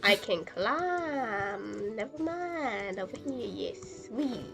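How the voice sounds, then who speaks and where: Over music, a woman streams a game and commentates casually, rambling and joking to herself. Her voice sits on the high side with lively intonation and some vocal fry, and she takes her time.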